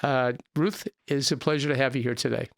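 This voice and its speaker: A man in his sixties hosts a podcast into a studio microphone, earnest and a little rambling, doubling back on his words. His voice is gravelly in a dry, close studio. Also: mid-range voice, steady tone, fairly quick, dry recording. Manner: earnest, repetitive, with many restarts. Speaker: podcast host. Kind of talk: podcast interview. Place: small studio. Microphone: studio mic with headphones.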